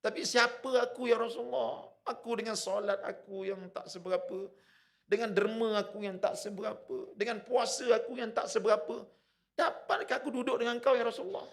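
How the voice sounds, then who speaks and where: A man's voice: high voice, steady tone, brisk, creaky, voice pushed up. A man with a Malaysian Malay accent, voicing a humble male follower who pleads earnestly in a raised voice. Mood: pleading.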